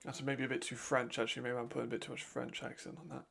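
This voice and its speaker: A man's voice: mid-range voice, level tone, quick pace, creaky, fairly bright tone. A man giving casual, chatty live commentary while watching a football game, laughing often and trailing off mid-thought.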